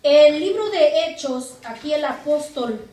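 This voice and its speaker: A woman's voice: high-pitched, lively intonation, measured pace, warm tone. A woman pastor preaching a sermon emphatically, asking rhetorical questions and acting out what people say. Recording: echoey room, far from the mic.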